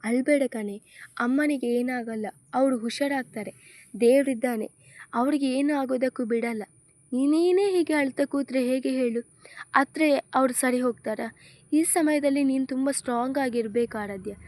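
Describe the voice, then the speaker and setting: A woman's voice: high voice, moderate pace, darkish tone, no echo, close to an everyday voice. A woman voicing a caring young female friend who comforts and reassures. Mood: comforting.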